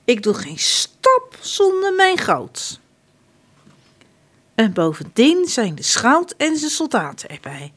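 A woman's voice: on the high side, wildly swooping pitch, slow, fairly bright tone, pitched above the performer's own voice, heavily acted. A woman voicing a vain, greedy male prince in a whiny, pompous storybook voice.

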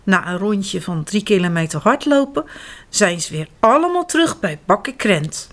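A woman reading a children's story aloud, expressive and animated. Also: medium pitch, normal speed. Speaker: narrator.

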